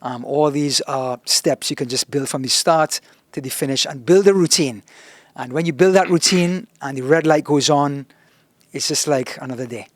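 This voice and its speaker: On a podcast interview, a man appearing as a guest broadcaster gives advice with a strong accent he himself calls thick. His slightly high voice is instructive and deliberate, and he demonstrates vocal warm-ups by humming. The recording has no echo.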